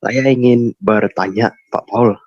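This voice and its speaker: A man's voice: on the low side, steady tone, slow. A male caller asking a question politely and hesitantly, deferring to the host. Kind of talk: phone-in question. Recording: dull lo-fi call line.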